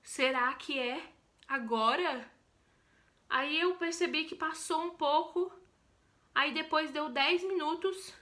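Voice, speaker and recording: A young Brazilian woman with a high voice and a Brazilian Portuguese accent tells her own birth story in a chatty, expressive vlog.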